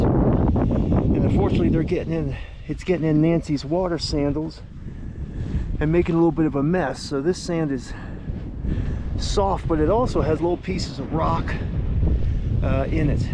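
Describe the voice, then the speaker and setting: A man narrating a hiking vlog as he climbs sand dunes, talking plainly and getting out of breath. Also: a little high. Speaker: vlogger. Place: outdoors on windy sand dunes. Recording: loud wind noise on the camera mic.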